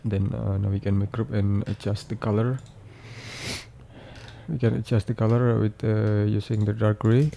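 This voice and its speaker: Very mellow, halting male tutorial instructor. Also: lowish voice, level tone, gravelly, a little hiss or hum. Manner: halting, repetitive step-by-step phrasing with frequent hesitations. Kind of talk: unscripted step-by-step screen tutorial narration.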